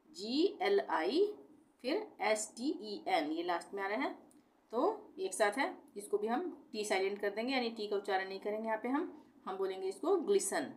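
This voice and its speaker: A woman teaching a pronunciation lesson at a steady, mid-pitched level. She spells each word slowly, letter by letter, then says it again. She often asks the class a question and answers it herself. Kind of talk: explaining a lesson step by step.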